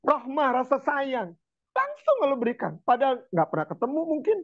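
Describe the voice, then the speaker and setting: A man preaching in a relaxed, chatty way, telling stories with lively turns and chanting verses slowly. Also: extremely high pitch, no room sound. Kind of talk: casual religious talk. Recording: tinny phone-like sound.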